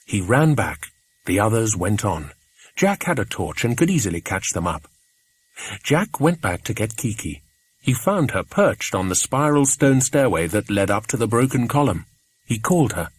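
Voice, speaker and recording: A man reading a children's adventure audiobook aloud in measured, expressive narration. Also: on the low side, slightly rough, dry recording. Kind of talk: scripted storybook narration.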